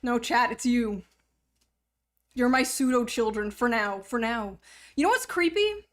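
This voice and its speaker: On a casual livestream, a woman in her thirties jokes with and needles her viewers, laughing readily and using plenty of profanity. She has a fairly bright, highish voice with lively intonation.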